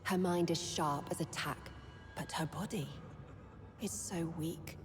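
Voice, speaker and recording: An actress playing a proud, guarded old undead leader in a video game, with stern, solemn, archaic phrasing. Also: female voice, lowish voice, steady tone, a little slow, natural voice. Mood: grave. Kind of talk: dramatic video game voice acting. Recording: long hall reverb, music underneath.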